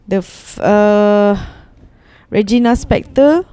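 A woman's voice: mid-range voice, slow pace, warm tone, clear, resonant tone. A woman with a Malaysian accent in casual podcast chat, colloquially switching between English and Malay with particles like lah and macam. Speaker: podcast co-host and musician.

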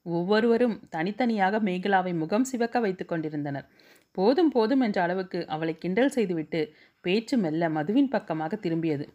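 A woman's voice: fairly low pitch, animated, normal speed, warm tone. A woman reading a novel aloud as an audiobook, giving the characters' dialogue small voice shifts. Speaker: storyteller.

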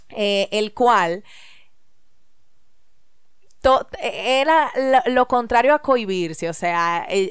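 A woman co-hosting a podcast in casual chat, quick and chatty as she tells a story. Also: mid-range voice, clean tone, no room sound, studio quality. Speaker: podcast co-host.

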